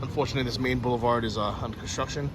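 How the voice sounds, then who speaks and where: A man's voice: medium pitch, steady tone, racing. A man hosting a casual travel vlog, chatty and asking questions as he walks city streets. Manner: chatty, laughs often, asks questions. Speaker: travel vlogger host. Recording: noisy street recording.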